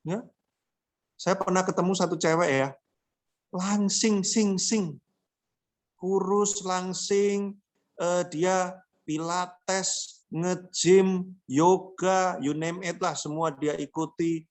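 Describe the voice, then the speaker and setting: Male youth pastor, slightly high voice, playful and slangy, acts out the people he quotes. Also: steady tone, takes it slowly, long pauses. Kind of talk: casual youth sermon.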